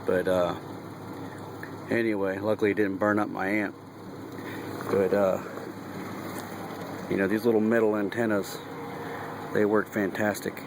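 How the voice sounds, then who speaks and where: A man with a fairly low, level voice talks a little slowly with vocal fry and frequent pauses. He's a truck driver and hobbyist demonstrator giving a casual, folksy how-to walkthrough in and around a vehicle, using colloquial speech to a handheld camera. The recording is noisy with engine hum.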